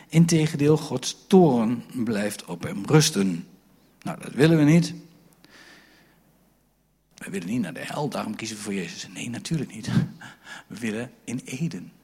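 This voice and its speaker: A man's voice: medium pitch, vocal fry, dark tone, breathy edge. A male pastor giving a sermon in a church hall, preaching in a conversational way with asides to the congregation. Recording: long hall reverb.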